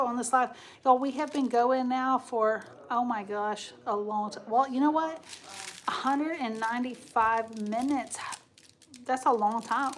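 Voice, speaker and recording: Her voice sits high, with slight noise in the background, as a woman in her 40s hosts a craft livestream. She's chatty, addressing viewers casually while crafting and reading out their comments.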